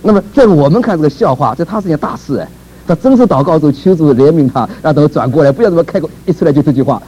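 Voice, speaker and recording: A man's voice: a little high, lively intonation, very fast, dark tone, slightly rough, poor audio. A man preaching a sermon in a conversational way, asking rhetorical questions, chuckling and repeating words.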